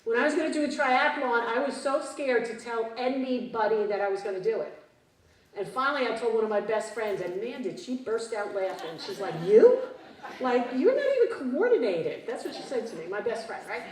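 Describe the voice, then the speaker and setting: A woman in her fifties giving a motivational keynote to a conference audience, animated and prompting the crowd with frequent questions. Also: on the high side, brisk. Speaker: keynote speaker. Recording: roomy hall, distant mic.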